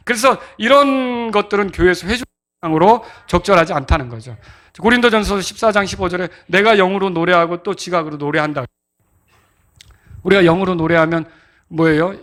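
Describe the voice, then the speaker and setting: A pastor teaches his congregation how hymns ought to be sung, pausing often to question them, ask for claps and answers, and sing out the beats to show the rhythm. His high voice has a bright, ringing edge, and he explains like a patient teacher at the pulpit.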